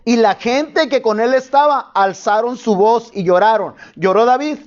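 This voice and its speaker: A man's voice: extremely high pitch, moderate pace, highs cut off. A pastor preaching a sermon to his congregation, asking them questions as he goes.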